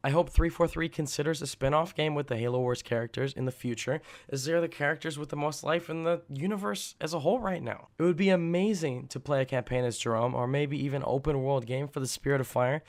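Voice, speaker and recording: A young man with a raspy voice, rough from being sick, giving earnest, opinionated casual commentary to viewers as a gaming video creator. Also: fairly high pitch, quick pace, few pauses.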